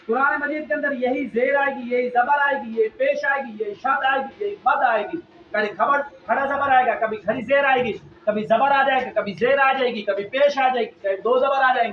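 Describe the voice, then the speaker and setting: A man teaching children to read the Quran, drilling them with repeated questions and loud emphasis, with a Pakistani Urdu accent. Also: very high voice. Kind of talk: classroom lesson to children. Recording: echoey, distant, muffled, noisy room.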